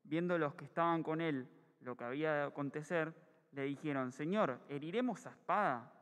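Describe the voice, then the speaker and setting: A man reading scripture aloud at a church meeting, steady with brief self-corrections. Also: fairly high pitch, moderate pace. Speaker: scripture reader. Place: church hall. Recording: echoey church hall.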